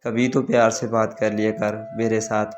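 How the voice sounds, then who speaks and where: Man reading as a tired, patient husband in a storybook tale, low and even, soft and pleading. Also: moderate pace, close to an everyday voice.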